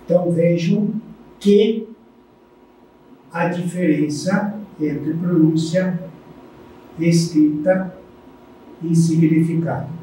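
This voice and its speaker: An older man teaching a language lesson in a slow, deliberate way that often ends with a questioning "né?". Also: on the high side, warm tone, a little hiss or hum. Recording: echoey room, voice far from the mic.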